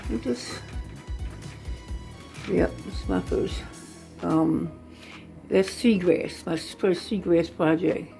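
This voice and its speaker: A woman's voice: fairly low pitch, slow, creaky, long pauses, warm tone, soft background music. A woman vlogging at home indoors, chatting casually and explaining her craft projects step by step to her viewers. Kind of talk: casual home tour vlog.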